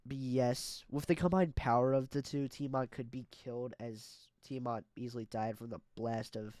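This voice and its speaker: Hosting a YouTube video of online monster battles, a man talks through the matchups in casual scripted commentary. His medium-pitched, darkish voice has fairly even intonation and a moderate pace, and his hesitant delivery is full of fillers. The recording is dry.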